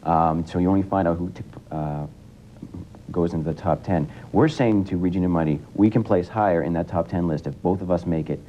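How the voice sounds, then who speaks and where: A teenage student speaks with a very low, mellow voice, rambling easily with many fillers. The sound is an old 1980s TV broadcast, dull and lo-fi, with a faint rumble underneath. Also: male voice, brisk. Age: teens. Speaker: student guest. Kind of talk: casual broadcast interview.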